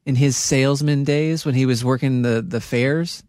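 A man's voice: medium pitch, steady tone, normal speed, darkish tone, no echo, studio quality. A man co-hosting a casual comedy chat, asking teasing questions and laughing often. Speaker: podcast co-host.

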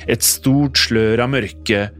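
A man reading a scripted horror story in a measured, dramatic storytelling manner, with faint music behind him. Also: mid-range voice, steady tone, fairly bright tone. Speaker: narrator.

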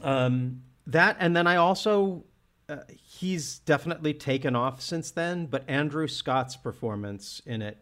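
A man's voice: on the high side, a little slow, fairly bright tone. A man hosting a casual film discussion, talking with enthusiasm and restarting often as he searches for words. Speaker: podcast host.

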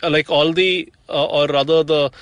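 A man's voice: on the high side, fairly even intonation, moderate pace, fairly bright tone, smooth, no room sound. A young man from South India co-hosting a podcast, telling history in a chatty, joking way with lots of "uh"s. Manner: chatty, jokey storyteller with frequent fillers. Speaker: podcast co-host. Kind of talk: casual chat.

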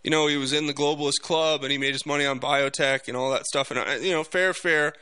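A man hosting a political talk podcast, speaking off the cuff in a halting but emphatic monologue. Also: fairly high pitch, fairly even intonation, sharp tone, smooth, no echo.

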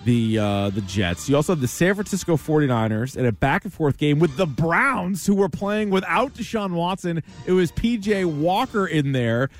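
A man hosting a sports show, running through scores and highlights in a conversational way. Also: lively intonation, moderate pace, hardly any pauses, soft background music.

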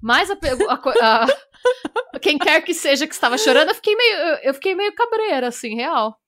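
Laughing and stumbling over her words, a podcast co-host with a Brazilian Portuguese accent tells an animated story in casual conversation. She has a high, fairly bright voice with big pitch swings and a normal speed.

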